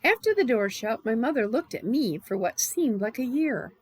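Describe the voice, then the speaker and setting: An older woman reading a novel aloud, animated storybook reading. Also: on the high side, normal speed, slightly rough, no room sound, low-quality recording. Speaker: reader.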